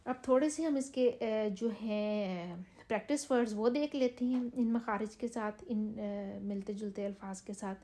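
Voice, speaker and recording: A woman teacher with a Pakistani Urdu accent, explaining letter sounds patiently in short phrases and stretching out slow model words. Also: mid-range voice, warm tone. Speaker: Quran reading teacher. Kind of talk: step-by-step pronunciation lesson.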